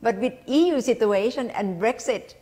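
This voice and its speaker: A woman's voice: fairly high pitch, lively intonation, normal speed, warm tone. A woman interviewer putting questions in a formal interview.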